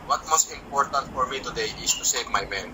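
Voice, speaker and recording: A man chatting on a video call, soft-spoken and jokey, dropping English phrases into his talk. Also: mid-range voice, normal speed, noisy background. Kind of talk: casual video call chat.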